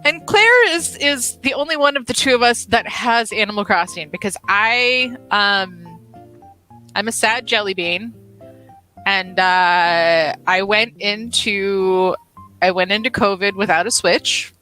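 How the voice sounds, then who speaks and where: Bright chatty woman co-host, casual stream talk, soft music behind. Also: medium pitch, a little slow, rough recording. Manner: chatty, with frequent restarts and fillers. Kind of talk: casual chat while watching gameplay.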